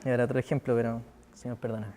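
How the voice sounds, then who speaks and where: A young Chilean man preaching a youth sermon, animated, acting out quotes with loud outbursts and quiet asides. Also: mid-range voice, fast talker.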